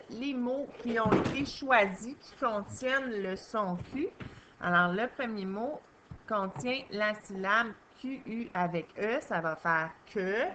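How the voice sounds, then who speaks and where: A woman with a Québécois accent teaches young children to read, sounding out each syllable slowly and patiently. Her voice is bright and clear. A faint hiss of noise sits under the recording. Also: a little high. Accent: Québécois French. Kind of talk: early reading lesson for young children.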